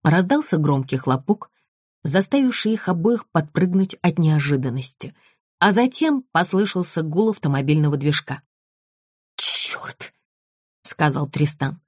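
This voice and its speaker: Low, husky woman narrating a thriller. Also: sing-song, moderate pace, darkish tone, dry recording, clean studio sound. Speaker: audiobook narrator. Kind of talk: scripted narration of a thriller audiobook.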